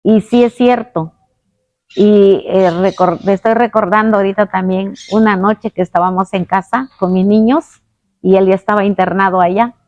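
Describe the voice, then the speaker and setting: A woman telling a personal faith testimony, earnest and halting, with many restarts. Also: medium pitch, fairly even intonation, a little mellow, no room sound, dull audio. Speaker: guest giving a testimony.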